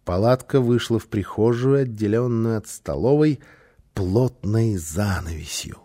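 A man's voice: fairly low pitch, measured pace, mellow. A man reading a children's story aloud, dramatic, sometimes dropping to a near whisper for suspense. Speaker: audiobook narrator. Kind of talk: expressive storybook narration.

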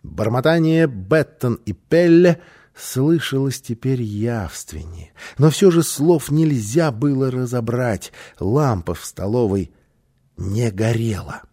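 A man's voice: medium pitch, slow, dark tone. A man reading a children's story aloud, dramatic, sometimes dropping to a near whisper for suspense. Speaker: audiobook narrator. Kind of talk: expressive storybook narration.

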